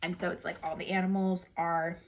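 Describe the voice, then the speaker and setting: A woman's voice: on the low side, level tone, brisk, noisy background. A woman chatting casually and enthusiastically about favorite picture books, with lots of fillers and restarts. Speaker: book reviewer. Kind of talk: casual book recommendations.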